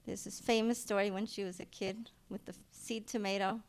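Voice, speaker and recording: A woman's voice: medium pitch, brisk. Rambling middle-aged woman giving a eulogy. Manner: rambling storytelling with many fillers and restarts; grows loud and animated at the punchlines. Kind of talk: funeral eulogy, personal anecdotes. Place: funeral service.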